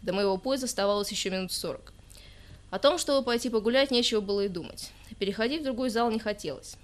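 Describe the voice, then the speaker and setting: A woman narrating a first-person audiobook story in a calm, even, wry manner. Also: fairly high pitch, fast talker.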